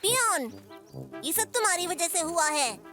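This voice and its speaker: Little cartoon inventor bear cub boy, boastful, grumbling, slow, music behind. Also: extremely high pitch, very animated, full character voice. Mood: frustrated. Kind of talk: Hindi cartoon dubbing. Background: children's music.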